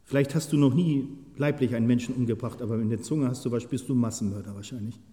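A man preaching a sermon with passion, moving from quiet, searching questions to loud, pleading outbursts and putting questions straight to his listeners. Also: mid-range voice, fairly even intonation, quick pace. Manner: impassioned, swings from soft to loud shouting; asks the listeners many direct questions. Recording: long hall reverb.

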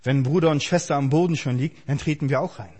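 A man's voice: fairly high pitch, fast, a little mellow, breathy edge, long reverb tail. A man preaching a fervent sermon to a church congregation and addressing the people directly. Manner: fervent, speaks straight to the congregation. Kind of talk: impassioned sermon.

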